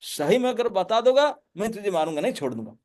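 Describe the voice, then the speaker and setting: Man doing an angry mom scolding her naughty kid, loud and threatening. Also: sits high, big pitch swings, quick pace. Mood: stern. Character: stern scolding mother of a naughty child.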